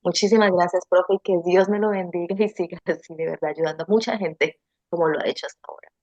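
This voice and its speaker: A woman telling her exam story in an emotional, expressive testimonial interview over a video call. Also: lowish voice, fast, no echo, lo-fi sound. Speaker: student who passed licensing exam.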